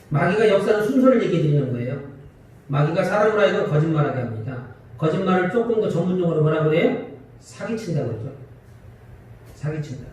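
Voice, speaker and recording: A man preaching a Sunday sermon as pastor, asking the congregation questions and acting out quarrels. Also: a little high. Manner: lively, asks the congregation questions and acts out quarrels. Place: church sanctuary. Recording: echoey church hall from far off.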